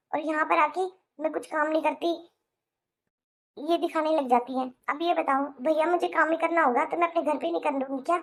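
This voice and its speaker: A woman voicing a sulky young married sister in a cartoon, complaining in an aggrieved way with a Hindi accent. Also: high-pitched. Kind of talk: cartoon voice acting.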